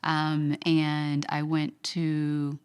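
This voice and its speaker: Calm low-voiced woman co-host. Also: smooth. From Los Angeles, US. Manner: calm, affirming, measured. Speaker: doctor and channel co-host. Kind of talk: casual chat.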